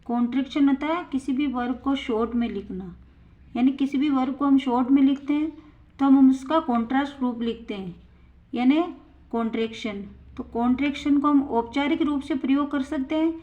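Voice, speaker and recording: A woman with a high voice gives a step-by-step English lesson, slowing right down to say each example sentence carefully. The sound is thin and tinny, like a phone recording. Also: mellow. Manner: explains step by step, says English examples slowly and deliberately. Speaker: English teacher. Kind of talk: spoken English lesson for learners.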